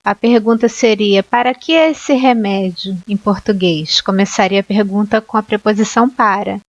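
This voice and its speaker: A Brazilian woman teaching an English lesson, explaining grammar slowly and clearly and often checking with "ok?". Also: medium pitch. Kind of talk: online language lesson. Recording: dull lo-fi sound.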